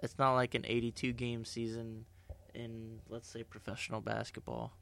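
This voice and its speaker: A man with a smooth, resonant voice co-hosts a casual sports podcast. He talks through the games with wry little jokes along the way. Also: mid-range voice, completely flat delivery, moderate pace, fairly bright tone. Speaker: podcast co-host.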